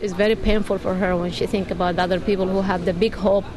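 A woman's voice: medium pitch, flat delivery, fast. A woman working as an interpreter, relaying a refugee's words in the third person in broken English on a field recording. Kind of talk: translating a refugee's words aloud on location. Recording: field recording with loud traffic noise.

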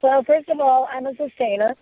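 A woman's voice: high voice, a little fast, no room sound. A woman calling in to a radio show over a phone line, chatting eagerly with plenty of suggestions. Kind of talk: casual call-in chat. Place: in northern Wisconsin. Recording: narrow tinny phone line.

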